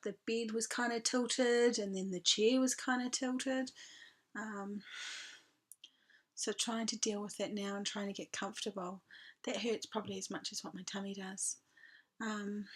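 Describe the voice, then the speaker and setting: A woman talking casually in a video diary, halting and often pausing mid-sentence. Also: mid-range voice. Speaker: vlogger.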